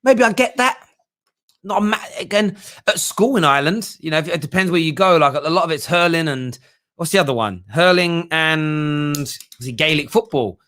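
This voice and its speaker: The host of this football fan livestream has a voice on the high side and a sharp tone, speaking at a moderate pace. In casual live talk, he reads viewer comments and answers them bluntly and emphatically, often repeating points.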